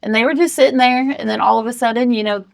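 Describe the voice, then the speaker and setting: A woman's voice: a little high, steady tone, quick pace, gravelly. A middle-aged woman, a podcast guest, recounting a story in a chatty way with many "you know"s. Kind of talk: casual storytelling.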